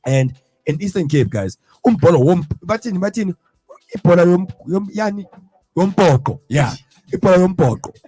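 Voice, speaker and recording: A man's voice: high voice, expressive, normal speed, dark tone, slightly rough, no room sound. A young man with a South African accent hosting a radio breakfast show in casual, rambling chat, full of repeated fillers. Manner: rambling, filler-heavy, repeats "you know what I mean". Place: studio.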